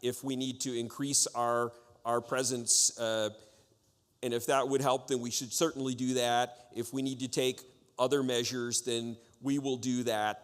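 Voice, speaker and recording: An American man giving a formal campaign forum speech as a candidate, in measured, halting phrases. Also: mid-range voice. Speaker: political candidate. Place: public forum in a hall. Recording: echoey hall with long reverb.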